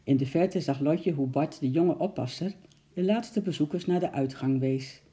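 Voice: mid-range voice, moderate pace, dark tone. A narrator steadily reading a children's story aloud.

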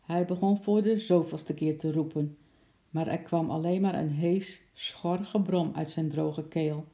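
A storyteller reading a children's story aloud in an expressive way. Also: mid-range voice, a little slow.

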